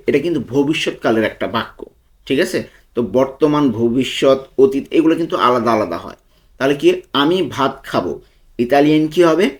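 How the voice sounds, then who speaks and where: A man from Bangladesh teaches a language lesson at a very slow, deliberate pace. He breaks each phrase into single words, repeats them, and checks back with the listener, in a medium-pitched voice. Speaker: language tutor.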